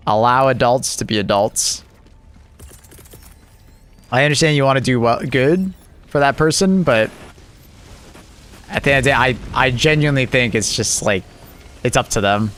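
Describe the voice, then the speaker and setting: A man's voice: mid-range voice, expressive, moderate pace, long pauses, a bit bright, clean tone. A man live streaming, chatting casually with his viewers and reacting to their messages with joking, rambling asides.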